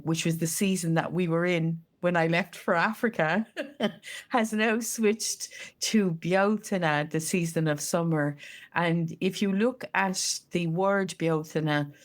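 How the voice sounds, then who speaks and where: An Irish woman, a storyteller and co-host, chatting casually in conversation. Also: deep voice. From Ireland.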